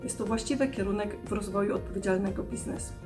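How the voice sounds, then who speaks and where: A woman's voice: mid-range voice, fast, music in the background. A woman giving a pleased, formal statement on behalf of her company. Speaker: company representative. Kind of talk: prepared corporate statement.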